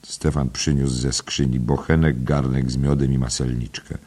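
A man reading a novel aloud in a steady, measured way as the audiobook narrator. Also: very deep voice. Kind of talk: scripted narration.

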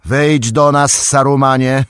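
A man voicing a stern, commanding old male wizard in an audiobook reading, his calls forceful and loud. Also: low voice, a little slow, dry recording, studio quality.

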